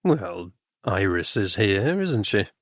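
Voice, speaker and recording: A man voicing an easygoing young gentleman friend who speaks casually and hints at things. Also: on the low side, sing-song, slow pace, no echo, clean studio sound, pitched below the performer's own voice, full character voice. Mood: hinting.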